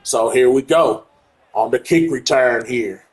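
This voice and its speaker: His voice congested by allergies, a gamer calls the action of his own football game in relaxed play-by-play, turning loud and excited on the big plays. He speaks in a mid-range voice, unhurried.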